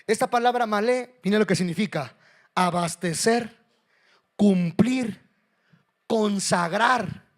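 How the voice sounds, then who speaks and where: A male pastor preaching a sermon, swinging between loud calls to the congregation and hushed, confiding asides. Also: high-pitched, slow, long pauses.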